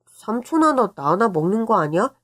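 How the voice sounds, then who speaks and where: A woman voicing an eager, cheeky young boy who chirps and teases excitedly. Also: mid-range voice, normal speed. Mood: delighted.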